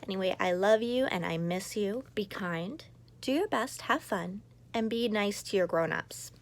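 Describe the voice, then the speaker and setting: A woman's voice: medium pitch, expressive, unhurried, a little hiss or hum. A woman in her thirties, a mother, reading a children's picture book aloud with playful asides to young listeners. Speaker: children's story reader, mother.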